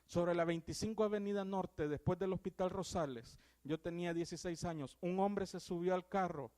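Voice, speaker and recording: Preaching a sermon in church, a young man with a Salvadoran Spanish accent moves between loud exclamations and hushed, earnest tones. His voice sits high and his pace is normal.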